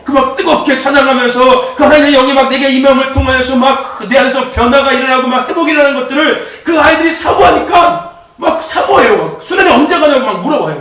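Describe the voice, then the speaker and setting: A man youth pastor preaching a sermon in a church, animated and repetitive, laughing often as he talks. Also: very high voice. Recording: very echoey, distant mic.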